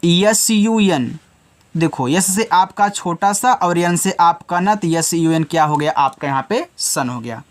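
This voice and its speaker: An English teacher with a fairly high pitch and lively intonation teaches phonics to children. He moves slowly and patiently, addressing them as children and spelling each word out letter by letter.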